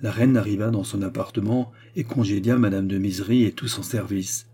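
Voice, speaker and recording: Man, audiobook narrator, low and husky, measured dramatic reading. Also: fairly even intonation, warm tone. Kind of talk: scripted literary narration.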